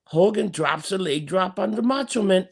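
A man's voice: high-pitched, lively intonation, moderate pace, slightly rough. A man hosting a wrestling talk show, retelling matches informally with a showman's flair and repeating phrases for emphasis. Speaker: podcast host.

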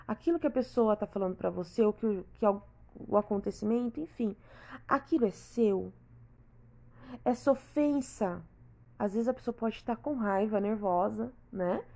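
A woman's voice: mid-range voice, expressive, normal speed, dark tone. A woman, talking earnestly and repetitively straight to the listener in a reflective personal monologue.

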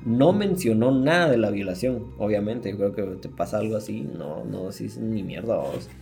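A man's voice: lowish voice, expressive, moderate pace, gravelly, mellow, soft background music. A man with a Guatemalan Spanish accent hosting a podcast, retelling true-crime cases in a crude, slangy way with swearing and laughter. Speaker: podcast host. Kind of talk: casual true-crime storytelling.

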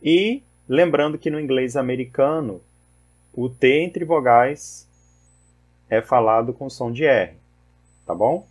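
A man talks through pronunciation rules at a slow, unhurried pace. His voice sits in a middle register, and he patiently repeats each list of words like a methodical teacher. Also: medium pitch, husky. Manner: patient, repeats word lists deliberately.

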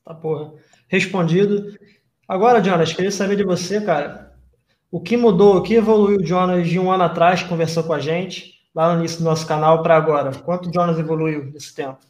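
An upbeat Brazilian man hosts a casual live chat, greeting viewers and passing along their questions. His voice is pitched a little high for a man, and it rings in a roomy, echoey space. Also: steady tone, brisk, darkish tone. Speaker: interview host reading viewer questions. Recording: roomy echo.

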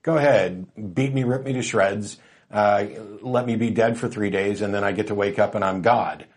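A man hosting a call-in show, telling stories in a wry, relaxed way with plenty of fillers, turning emphatic when he argues a point. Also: lowish voice, moderate pace. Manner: grows emphatic and lively when arguing. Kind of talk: casual call-in talk.

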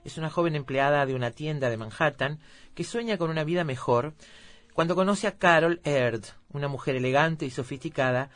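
A man hosting a film program, reading out film summaries in a measured, informative way. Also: on the high side, fairly bright tone, no room sound. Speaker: radio film show host.

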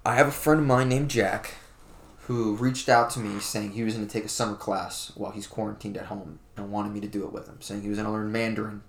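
Young man, from Florida, gravelly voice, laid-back rambling podcast chat, echoey room. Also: fairly low pitch, steady tone, a little fast, slight background noise. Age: young adult. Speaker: podcast co-host. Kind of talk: casual chat.

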